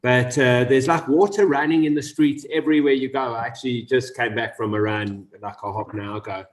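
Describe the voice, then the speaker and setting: A man's voice: mid-range voice, fairly quick. A man co-hosting a casual panel chat, easygoing and self-deprecating. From South Africa. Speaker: co-host.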